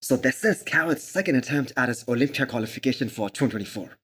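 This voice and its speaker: Male fitness channel host for commentary voice-over: slightly rough, husky tone, medium pitch, opinionated and emphatic delivery. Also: expressive, fast, a bit bright.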